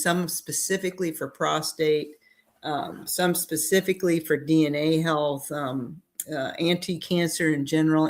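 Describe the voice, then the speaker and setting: A woman co-hosting a casual nutrition podcast, chatty, trailing off with fillers and laughing often. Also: low voice. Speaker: podcast co-host.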